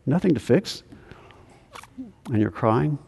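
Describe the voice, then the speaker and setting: Guy preaching a sermon, easygoing and joking, mellow voice, big echoey church hall. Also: medium pitch, animated, takes it slowly, creaky, breathy edge. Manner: conversational preaching with humor and rhetorical questions. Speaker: pastor. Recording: long hall reverb.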